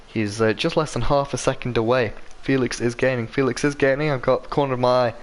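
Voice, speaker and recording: Calling a sim-racing league live, this commentator talks fast in a mid-range voice with fairly even intonation. A sore throat leaves him croaky, and he wanders a little, fixing his own words amid plenty of ums and uhs.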